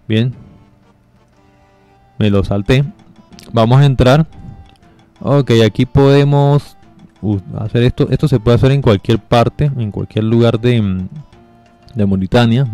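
A man giving casual step-by-step commentary over a game walkthrough, relaxed and explaining with fillers. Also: on the low side. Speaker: gameplay guide narrator.

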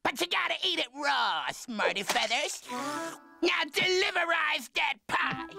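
A woman voicing a grouchy, loudmouthed cartoon pizza delivery boss who is bossy and mangles words. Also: high voice, lively intonation, unhurried, gravelly, heavily acted. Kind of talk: cartoon voice acting. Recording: loud cartoon music behind.

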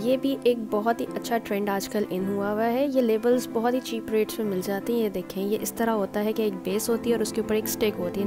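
A woman casually walking through a home table-setting demonstration, talking step by step and mixing in English words. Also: mid-range voice. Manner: chatty, explains step by step, mixes in English words. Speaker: home cooking channel host.

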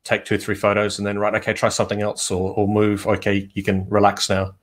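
A man, a photographer, chatting casually on a livestream over a video call and telling shoot stories in a relaxed way with many fillers. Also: fairly low pitch, brisk. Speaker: photographer guest.

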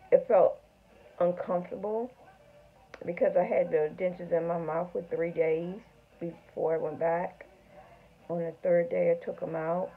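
A middle-aged woman speaking without her front teeth, chatting haltingly to camera in a casual video diary. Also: on the low side. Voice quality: toothless speech, front teeth missing. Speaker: vlogger. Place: small home room, indoors. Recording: tinny, phone-like narrow sound.

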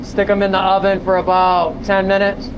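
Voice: medium pitch, completely flat delivery, moderate pace, highs cut off. A head chef giving clipped, directive kitchen callouts and instructions during dinner service. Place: busy restaurant kitchen. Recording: loud kitchen machinery noise.

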